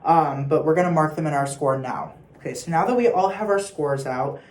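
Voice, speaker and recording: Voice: mid-range voice, a little fast. A young adult choir teacher giving patient rehearsal instructions and singing short example phrases. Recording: echoey room.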